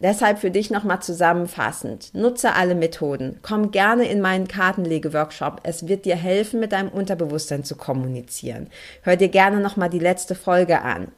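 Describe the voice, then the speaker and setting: A woman's voice: lowish voice, moderate pace. A young adult woman hosting a solo spiritual podcast, talking earnestly and emphatically straight to her listeners as a coach. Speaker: podcast host and card-reading coach.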